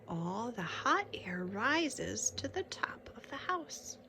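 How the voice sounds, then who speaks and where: A woman with a slightly high, very animated voice reads a picture book aloud to young children over background noise. She's instructive, pausing to point out pictures and adding casual asides and questions about them.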